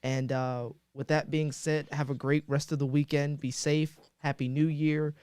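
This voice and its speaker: A man's voice: on the high side, little pitch movement, unhurried, darkish tone, clear, resonant tone, dry recording. A man hosting a casual sports podcast, talking loosely with friends and rambling through his sign-off with plenty of ums and uhs. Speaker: podcast host.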